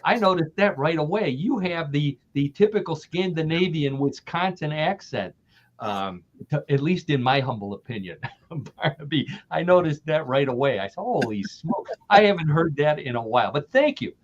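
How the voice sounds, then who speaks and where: A guest author, an older man from the American Midwest, chats on a casual podcast in a slightly high, animated voice at normal speed. He laughs a lot and tends to repeat himself; the audio is dull and lo-fi, with slight background noise.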